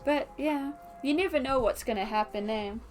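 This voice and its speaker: A young woman with an Australian accent chatting casually on a stream, animated and laughing often. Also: normal speed, faint music behind. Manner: chatty, reads chat aloud, laughs often, animated with pitch jumps. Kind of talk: casual chat while unboxing.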